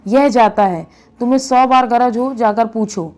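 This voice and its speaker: A woman voicing a proud, sharp-tongued young village wife who speaks in taunting, cutting remarks. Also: a little high, a little slow, lightly acted.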